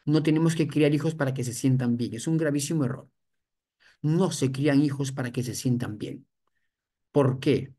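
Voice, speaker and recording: A family counselor gives an educational talk in a voice of middling pitch. The delivery is explanatory and a little halting, with frequent restarts and rhetorical questions that drive each point home. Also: dark tone. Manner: explanatory, repeats points, often adds "for example". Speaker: family counselor addressed as doctor.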